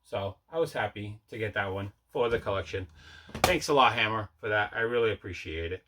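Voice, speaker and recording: Against a noisy background, a man with a fairly low, expressive voice talks fairly quickly. He runs a collecting channel and his unboxing chatter wanders casually, with frequent self-corrections.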